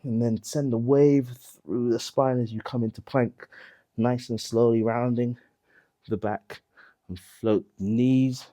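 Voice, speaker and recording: Male Pilates instructor, slow and mellow, short of breath, steady counting cues. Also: mid-range voice. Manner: calm cueing with breath counts. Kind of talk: guided workout instruction.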